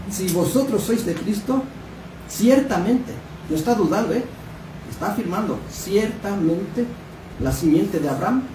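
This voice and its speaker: A man preaching a Bible study, reading verses aloud and quizzing his listeners. His voice sits a little high for a man. He is recorded from a distance in a reverberant church room, with noise running underneath. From Mexico. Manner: questioning the congregation, reading scripture aloud. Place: church hall. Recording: echoey room, distant mic, background noise.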